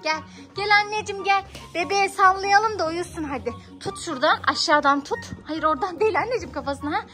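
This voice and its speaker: Mom in a home vlog, very high voice, lively and coaxing with small kids, music underneath. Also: female voice, fast. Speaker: mother playing with her children. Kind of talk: casual family vlog chat.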